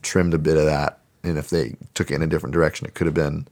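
A man's voice: very deep voice, level tone, quick pace, a little mellow. A man co-hosting a podcast, reviewing a movie in a laid-back, rambling way with lots of fillers. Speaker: podcast co-host. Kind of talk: casual movie review chat.

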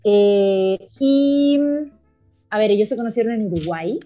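A middle-aged woman from Argentina, a guest telling her life story in a relaxed, chatty way. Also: mid-range voice, measured pace, soft background music. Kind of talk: casual interview talk.

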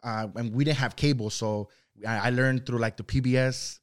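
A young Mexican man, Spanish his first language, chats casually as a podcast guest in a conversational interview, loose and rambling with plenty of "you know" and "like." His mid-range voice holds a steady, clean tone at a normal speed.

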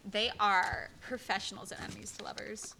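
A young woman co-hosting a podcast, gossiping in an opinionated, animated way. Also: medium pitch, normal speed, vocal fry, background noise. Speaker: podcast co-host. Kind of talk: casual chat.

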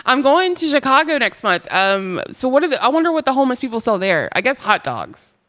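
A woman co-hosts a podcast in easygoing chat. Her pitch swings widely as she talks. She teases her co-host and laughs often. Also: big pitch swings, fairly quick, fairly bright tone. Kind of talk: casual chat.

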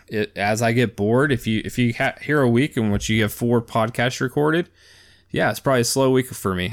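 A man in his thirties hosting a podcast, talking casually and rambling in an even-keeled, down-to-earth way with lots of fillers. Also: mid-range voice, smooth. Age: 30s. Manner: laid-back, even-keeled, self-described down-to-earth; rambling with many fillers and restarts. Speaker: podcast host. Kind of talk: casual solo monologue.

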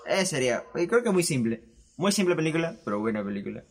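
A young man with a Peruvian Spanish accent tells stories to camera in a casual, animated way. He laughs often and swears freely. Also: a little high, fast, slightly rough. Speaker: vlogger. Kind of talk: casual storytelling monologue. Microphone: camera setup with microphone.

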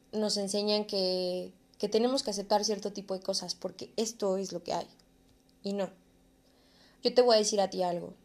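A young adult woman with a Mexican accent, talking in an earnest, encouraging, casual way in a reflective vlog monologue. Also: medium pitch. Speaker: vlogger.

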